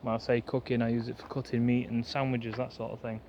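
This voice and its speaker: A man chatting fast and rambling to the camera in a pine woodland, like a bushcraft vlogger. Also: medium pitch, little pitch movement, a little mellow, slight background noise. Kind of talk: casual rambling chat to camera. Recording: dull lo-fi outdoor recording, faint woodland ambience.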